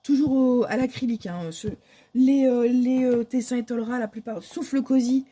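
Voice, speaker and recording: A woman's voice: fairly high pitch, moderate pace, dark tone. A woman, casually showing her month's coloring pages in a chatty, hesitant way with many fillers. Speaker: crafting vlogger. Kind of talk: casual show-and-tell of coloring books.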